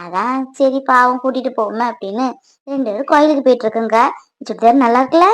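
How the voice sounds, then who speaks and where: A woman's voice: on the high side, fast, no echo, natural voice. Woman voicing a showy, chatty village girl. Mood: gossipy. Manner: showy, gossipy, giggly chatter. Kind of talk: cartoon voice acting.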